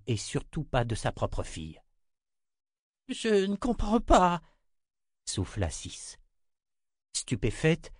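A man narrating a dark fantasy audiobook in a steady, measured way. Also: mid-range voice, dry recording, studio quality.

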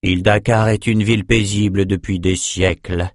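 Guy doing a smug sorcerer lord in an audiobook, lowish and bored-sounding, dry. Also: fairly even intonation, normal speed, no echo, close to an everyday voice. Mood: mocking. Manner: mocking, callous, amused. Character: sardonic nonchalant male sorcerer lord. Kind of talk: audiobook character voice.

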